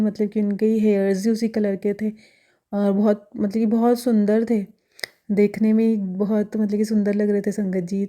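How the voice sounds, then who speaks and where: A young woman sharing devotional experiences in casual talk, hesitant, with many fillers and pauses. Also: mid-range voice, warm tone.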